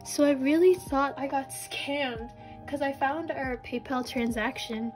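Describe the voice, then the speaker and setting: High-voiced young woman gasping with excitement. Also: measured pace, soft background music. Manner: gasps and squeals with excitement. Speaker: vlogger unboxing collectibles. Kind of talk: casual unboxing chat.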